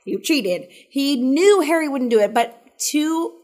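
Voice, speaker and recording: Lively woman in casual chat. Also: high-pitched, a little slow. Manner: laughing often, searching for words.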